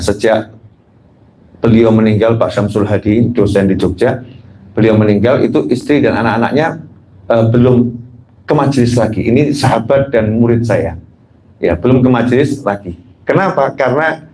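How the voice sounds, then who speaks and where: A man's voice: medium pitch, a little mellow, slight background noise, poor audio. A man giving a casual storytelling sermon, chatty and joking, with frequent questions to his listeners. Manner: chatty, joking, often laughing, asking the audience questions. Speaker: preacher.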